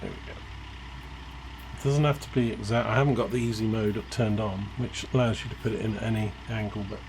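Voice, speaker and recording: A man's voice: on the low side, fairly even intonation, fairly quick, a little mellow. A British man casually commenting on his gameplay, thinking aloud and correcting himself as he goes. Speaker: gaming channel host. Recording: clear game vehicle noise behind voice. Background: game engine and truck sounds.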